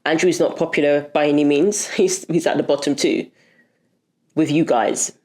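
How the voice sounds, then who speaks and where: A woman's voice: low-pitched, steady tone, moderate pace, a little mellow. A woman hosting a commentary video, talking in an indignant, emphatic way. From Britain. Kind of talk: opinionated commentary.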